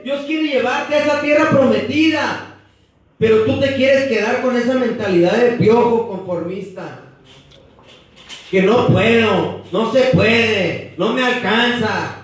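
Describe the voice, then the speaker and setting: Mexican man preaching a Bible lesson, fervent and slangy, high-pitched, heard from afar in a booming echo. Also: far from the mic. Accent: Mexican Spanish. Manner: fervent, repetitive, peppered with slang. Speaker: Bible study teacher. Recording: echoey room, voice from afar.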